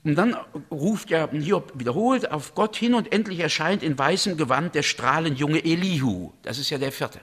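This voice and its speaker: Guy lecturing on a religious play, thoughtful, explains things, bit higher voice than most. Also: animated, normal speed, hardly any pauses, fairly bright tone. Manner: thoughtful, explanatory, voices quotations with raised pitch. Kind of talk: reflective talk on a religious drama.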